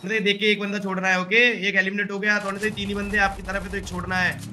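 A man's voice: high voice, fast talker. A man streaming a team shooter, calling out enemies and moves to his squad. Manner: excited callouts to teammates. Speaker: gamer streaming a squad match. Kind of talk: live gameplay chat. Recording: noisy game audio behind.

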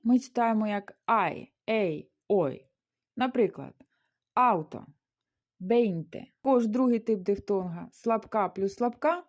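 A woman's voice: a little high, dark tone. A woman teaching a beginners' language lesson, explaining rules with everyday comparisons and rhetorical questions. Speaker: Spanish teacher.

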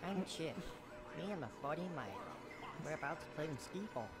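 A man's voice: fairly high pitch, lively intonation, a little fast. A man voicing a friendly boy in a video game, inviting a newcomer to play. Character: friendly arcade boy, Chip.

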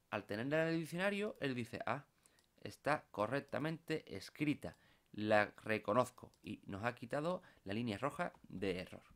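Patient man teaching software. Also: mid-range voice. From Spain. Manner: patient, explanatory, tags phrases with "¿vale?". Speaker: computer course instructor. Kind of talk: screen-recorded software tutorial.

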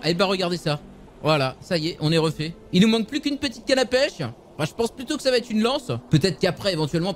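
A young man casually commenting on a survival game for his viewers, excitable and swearing often. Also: high voice, a little hiss or hum. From France. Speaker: gaming youtuber.

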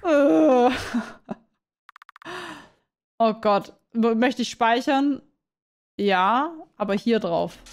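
A woman's voice: fairly high pitch, slow. A woman playing a horror game, reading game text aloud and exclaiming in panic. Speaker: let's play host. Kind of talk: German let's play commentary.

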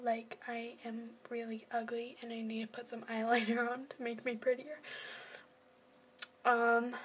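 A woman's voice: on the high side, breathy edge. Chatty teen girl, half-whispering. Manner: chatty, self-deprecating, often drops to a half-whisper. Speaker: first-time vlogger. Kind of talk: casual rambling talk to camera. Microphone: phone camera.

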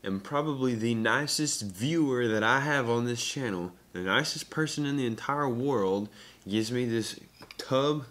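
Speaking at an unhurried pace, this young adult man has a medium-pitched, slightly bright voice. It's a casual vlog chat to a camera at arm's length or on a table, delivered in upbeat, slangy, punchy bursts.

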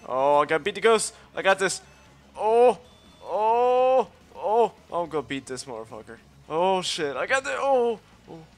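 A man's voice: a little high, fairly quick, few pauses, soft background music. A man giving live gameplay commentary, boasting, swearing often and yelping when things go wrong. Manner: excitable, swears often, yelps at mishaps; cocky trash talk. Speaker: let's play host.

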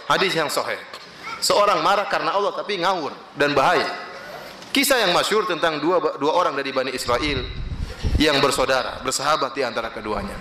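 Bright-voiced male preacher in echoey room. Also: a little hiss or hum. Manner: emphatic, with wide swings in pitch and Arabic quotations. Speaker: Islamic preacher. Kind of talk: sermon.

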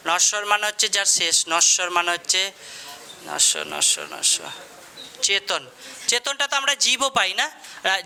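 Man, Bengali accent, classroom teacher, quizzing students, high and very bright voice. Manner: questioning students, repeating answers. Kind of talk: classroom lesson.

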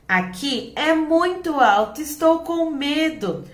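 A woman voicing a frightened little mouse stuck high in a tree, with shrill, panicky cries. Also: lively intonation, slow, echoey room. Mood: scared.

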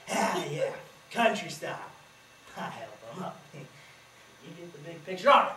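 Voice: medium pitch, big pitch swings, measured pace, pushed and bright. A student performer playing a boastful, sly old country grandfather who lectures with a cackling folksy drawl, on a school stage. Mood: boisterous. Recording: distant echoey auditorium recording.

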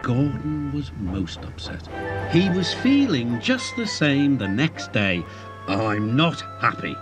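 A man narrating a children's story in a gentle storytelling manner, with music behind. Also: a little high, huge pitch swings, takes it slowly.

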